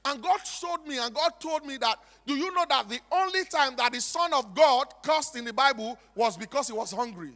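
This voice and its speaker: In a strikingly high, bright voice, a Nigerian-accented man tells comic stories to an audience like a preacher, hammering points through repetition and rhetorical questions. He's expressive, keeps a moderate pace with hardly any pauses, and his voice echoes through a hall with long reverb.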